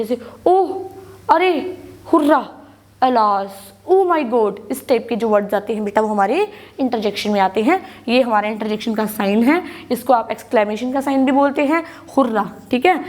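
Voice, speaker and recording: A woman with an Indian English accent teaches a school grammar class in Hindi mixed with English. Her voice sits high, and she works patiently through each point, asking questions and then answering them herself. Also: brisk, a little mellow. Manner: explains patiently, repeats key words, asks and answers her own questions.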